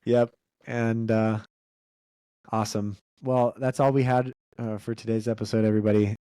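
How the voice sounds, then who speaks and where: A man's voice: on the low side, level tone, moderate pace, mellow, clean tone, no echo, clean studio sound. A man co-hosting a podcast with his father, talking casually, rambling with restarts and fillers. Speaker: podcast co-host.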